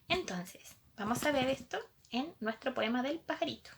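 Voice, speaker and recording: A woman's voice: high-pitched, expressive, moderate pace, creaky, a little hiss or hum. A woman teacher, patiently explaining a lesson to young pupils and asking them questions as she goes.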